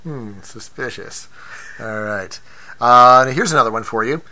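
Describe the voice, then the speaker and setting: A man's voice: mid-range voice, moderate pace, pushed and bright, a little hiss or hum. A middle-aged man hosting a casual podcast interview, asking playful questions and often cutting in. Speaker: host interviewing his sons.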